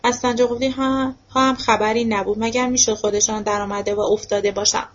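A woman narrating a novel for an audiobook in a steady first-person voice. Her voice sits fairly high, and the recording is dull and muffled, as if lo-fi. She reads at an even, unhurried pace. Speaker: audiobook reader.

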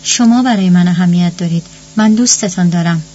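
A woman's voice: fairly low pitch, mellow, husky. A woman narrator voicing a hurt adult daughter who pleads with and reproaches her mother. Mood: pleading. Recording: muffled recording with faint hum.

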